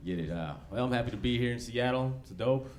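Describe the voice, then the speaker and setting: A man of about forty from America does laid-back stand-up in a club, his talk conversational, slangy and profane. His voice sits in the mid range, moves fast and has a slightly mellow quality. The live recording picks up background noise from the room.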